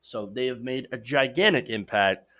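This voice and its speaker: Hosting a progressive political news program, a man talks straight to viewers with emphatic, opinionated commentary. His mid-range voice is slightly hoarse and sharp in tone, at a normal speed.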